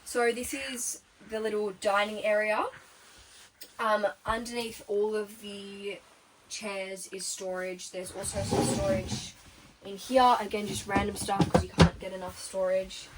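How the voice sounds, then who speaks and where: A woman's voice: mid-range voice, animated, a little slow. A young woman, chatting casually as she gives a tour of her converted bus and laughs often. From Australia. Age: early 20s. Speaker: vlogger giving a bus tour. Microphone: camera held by her sister. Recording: camera at a distance with background noise.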